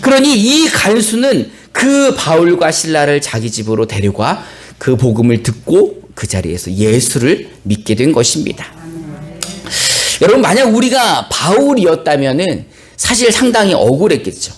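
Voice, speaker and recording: Lively high-voiced male pastor preaching. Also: normal speed. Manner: animated storytelling, acts out biblical characters. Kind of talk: sermon with scripture reading.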